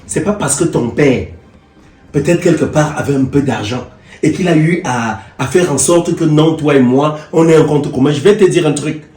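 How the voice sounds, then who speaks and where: A man's voice: a little high, moderate pace, close to an everyday voice. A man playing a blustering bully husband. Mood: stern. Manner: blustering, hectoring, rising to shouts. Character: domineering, boastful husband bullying his wife. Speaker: husband in a comedy web series. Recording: echoey room, mic far off, music.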